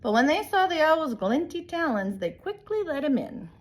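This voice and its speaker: A woman reading a picture book aloud in an animated, emphatic way, like a teacher telling a story to young children. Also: high voice, normal speed, a little hiss or hum, poor audio. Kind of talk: expressive storybook read-aloud.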